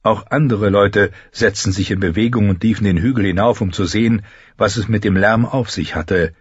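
A man narrating a fantasy story in an audiobook with measured, even delivery. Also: fairly low pitch, slightly rough, no room sound, lo-fi sound.

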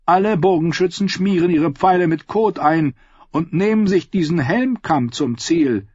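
A man's voice: a little high, unhurried, a little mellow, slightly rough, dry recording, pitched above the performer's own voice. A man voicing a sneering, scheming young nobleman with a snide, hissing edge. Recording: dull lo-fi recording.

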